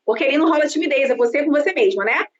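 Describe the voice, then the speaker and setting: A woman's voice: high-pitched, racing. A woman in her thirties with a Brazilian Portuguese accent, a sales and marketing consultant speaking in an expansive, outgoing way as a guest on a live-streamed interview. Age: 30s. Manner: expansive, lively, self-described outgoing talker. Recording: dull lo-fi sound with faint background noise.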